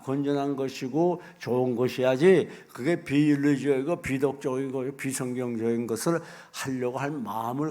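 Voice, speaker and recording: A middle-aged man preaching a sermon as pastor, folksy and animated, acting out little asides. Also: on the high side.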